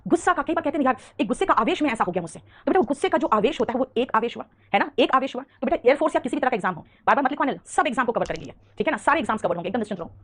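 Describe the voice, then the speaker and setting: A high-voiced Indian woman teaches an English grammar lesson at a rapid clip. Her tone is brisk and fondly scolding, like a teacher coaxing students through common mistakes. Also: animated, fairly bright tone. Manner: fast, scolding-affectionate, calls students "beta". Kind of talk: online grammar class.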